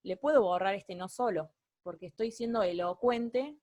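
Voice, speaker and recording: A woman's voice: medium pitch, moderate pace, a little mellow, dry recording. Young Argentine woman explaining writing tips. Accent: Argentine Spanish. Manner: hesitant, self-correcting, explanatory. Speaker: student tutor leading a writing workshop. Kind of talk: online workshop explanation.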